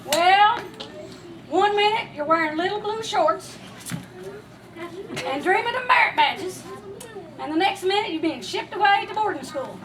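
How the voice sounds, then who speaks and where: A woman's voice: very high voice, expressive, a little slow, long pauses. A woman playing a laid-back, scatterbrained surfer dude who drawls slang like "man" and "crazy" in a live church skit. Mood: goofy. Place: large hall with an audience. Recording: distant live recording with crowd and noise.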